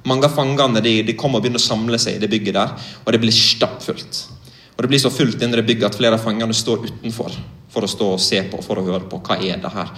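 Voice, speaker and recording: A man's voice: medium pitch, fairly bright tone, echoey room. A young man from Norway preaching, telling a vivid, earnest story in a direct way. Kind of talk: sermon testimony.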